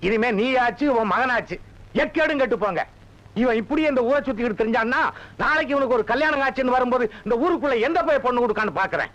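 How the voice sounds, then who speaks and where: Comic fussy village dad, high-pitched and theatrical, from a muffled old film. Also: male voice, animated, fast talker. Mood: scolding. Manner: loud, melodramatic and scolding. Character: fussy, theatrical village father, middle-aged man. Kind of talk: Tamil film comedy acting. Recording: dull lo-fi film soundtrack.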